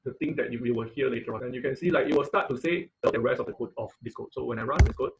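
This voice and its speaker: Teaching a live coding class online, a man speaks rapid-fire in a mid-range voice, often breaking off mid-sentence to rephrase. He uses a computer mic on the call, and there's slight background noise.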